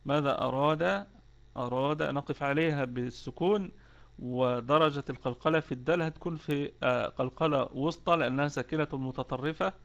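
Egyptian guy teaching tajweed online, fairly high voice, repeats stuff step by step. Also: brisk, vocal fry, fairly bright tone, lo-fi sound. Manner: explains rules step by step, repeating key words. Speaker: Quran recitation teacher.

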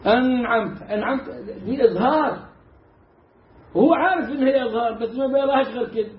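A man with an Egyptian Arabic accent teaching Quran recitation in a casual, animated way, mimicking mistakes and drawing out the correct sounds. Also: very high voice, reverberant, muffled recording, slight background noise. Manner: animated, mimics mispronunciations and demonstrates slow recitation. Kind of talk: casual lesson.

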